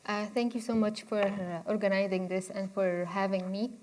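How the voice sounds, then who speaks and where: A woman's voice: mid-range voice, level tone, normal speed, darkish tone, slight background noise. A woman, giving a conversational university lecture and inviting the audience to interrupt with questions. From Egypt. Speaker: guest speaker.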